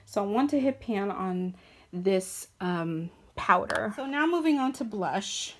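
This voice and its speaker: A woman's voice: mid-range voice, animated, measured pace, fairly bright tone. A young adult woman talking casually to camera as a beauty vlogger, hesitant with frequent ums and self-corrections. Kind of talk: casual product talk to camera.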